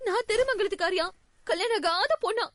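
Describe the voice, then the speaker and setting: A woman's voice: extremely high pitch, brisk, fairly bright tone. An actress playing a hurt, proud young unmarried village woman who speaks reproachfully. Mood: tearful. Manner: tearful, reproachful.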